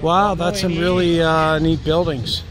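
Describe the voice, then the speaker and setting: With a fairly high pitch that barely moves, a man unhurriedly narrates as he walks and films outdoors, a travel vlogger and native English speaker. His rambling musings keep returning to "right?" The audio is poor, with crowd, traffic, and street noise.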